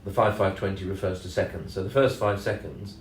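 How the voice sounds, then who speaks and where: A man co-hosting a casual podcast, speaking in a measured, hesitant way with many ums and leaning hard on key words. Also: low voice, fairly even intonation, a little hiss or hum. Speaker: podcast co-host and sales trainer. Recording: roomy echo, mic at a distance.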